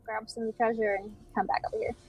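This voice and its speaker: A woman's voice: fairly high pitch, little pitch movement, rapid-fire, a crowd in the background. A woman playing a tabletop game, chatting casually and playfully as she describes her character's actions.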